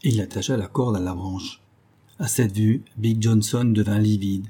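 A man narrating an audiobook in a steady, measured reading. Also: on the low side, breathy edge.

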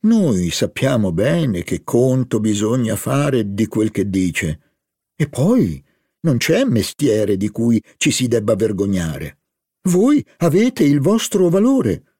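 A man's voice: medium pitch, dark tone, slightly rough, no echo, studio quality, pitched above the performer's own voice, heavily acted. A man reading an audiobook, voicing a scheming older society hostess with a coaxing, theatrical manner.

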